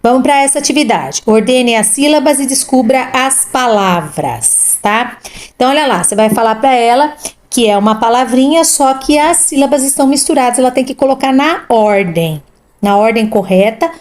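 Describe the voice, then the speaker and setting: A woman's voice: high-pitched, animated, moderate pace, darkish tone. A woman teaching reading to children, sounding out syllables and repeating each word twice, checking in often with "tá?". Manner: instructive, frequent "tá?" and "ó". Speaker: literacy teacher. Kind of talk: tutoring lesson, reading syllables aloud.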